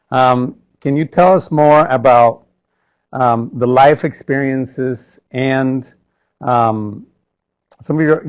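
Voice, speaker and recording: A man from El Salvador moderating a formal interview, polite and measured with hesitant fillers. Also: medium pitch, dull audio.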